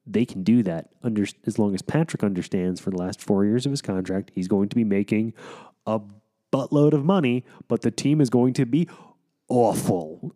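A man's voice: lowish voice, moderate pace, dark tone. A man co-hosting a casual chat, playfully argumentative, explaining things at length with frequent ums and restarts.

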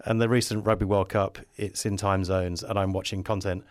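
Male podcast guest, lowish voice, upbeat rambling thinker, casual interview delivery, very dry recording. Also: level tone, a little fast, darkish tone, dry recording. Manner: enthusiastic, rambling, optimistic musing. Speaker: podcast guest, advertising creative.

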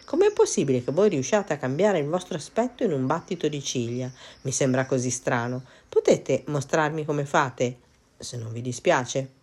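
A woman voicing a clever, bold male cat in a storybook, speaking slyly in a raised, lively tone. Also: deep voice, normal speed, slightly rough. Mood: sly, flattering. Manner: sly, theatrical, raised and bright.

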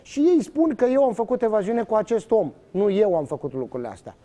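A man with a rather high, soft-toned voice speaks as an interview guest, telling stories emphatically in conversation. He is animated, pressing his points and acting out the exchanges he retells, with lots of fillers and restarts.

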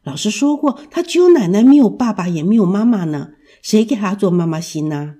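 A woman's voice: medium pitch, animated, brisk, mellow, breathy edge. A woman voicing a bossy, impatient little schoolchild in a storybook. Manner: impatient, scolding.

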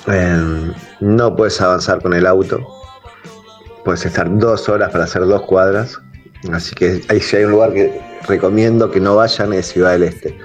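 A man leaving a friendly voice message for a radio show, telling a story. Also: low voice. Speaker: radio listener caller. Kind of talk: recorded voice message.

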